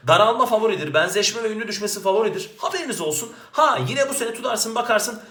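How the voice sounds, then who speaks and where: A male teacher with a high voice solves exam questions aloud and swoops all over his range. He keeps asking himself questions and then answers them at once. The sound has a clear room echo. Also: quick pace. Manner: lively, talks to himself, asks and answers his own questions. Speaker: Turkish language teacher. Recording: roomy echo.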